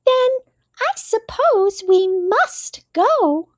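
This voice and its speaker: Casting: a woman voicing a tiny gray storybook mouse, squeaky and very high, with eager little questions. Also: big pitch swings, drawn-out words, no echo, clean studio sound, heavily acted. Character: small gray cheerful male mouse.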